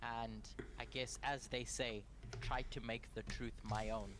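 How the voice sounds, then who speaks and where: Man from Zimbabwe, young adult, measured phrase-by-phrase delivery, faint background noise. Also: mid-range voice, little pitch movement. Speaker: guest Bible study presenter. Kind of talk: prayer and Bible study talk, paused for interpreter.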